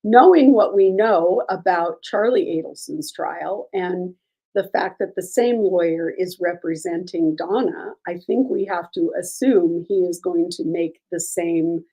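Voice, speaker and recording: Woman with a scratchy voice, mellow and lowish. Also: slightly rough. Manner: many ums and restarts, measured legal opinions. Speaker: livestream host discussing court cases. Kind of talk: casual live commentary, answering chat.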